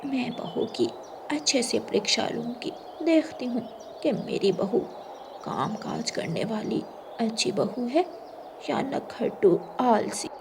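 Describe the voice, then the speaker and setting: A woman's voice: fairly high pitch, sing-song, takes it slowly, creaky, noisy background, heavily acted. A woman doing a bossy mother-in-law bird. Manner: demanding, scolding. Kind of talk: storybook cartoon voice acting.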